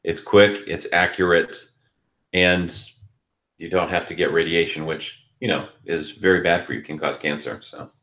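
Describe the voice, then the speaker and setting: A man with a very low voice co-hosting a relaxed podcast. He rambles through his opinions and hedges them with plenty of fillers. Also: normal speed. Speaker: co-host. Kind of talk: casual podcast chat.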